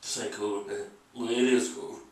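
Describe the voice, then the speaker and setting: A man's voice: on the low side, flat delivery, normal speed, distant mic. Shivering, grumbling man in an echoey bathroom. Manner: grumbling, reluctant. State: shivering from cold, teeth chattering. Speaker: athlete taking an ice bath. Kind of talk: casual chat. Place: small bathroom, lying in a bathtub. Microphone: handheld phone camera held by someone else. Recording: echoey bathroom, off mic, background noise.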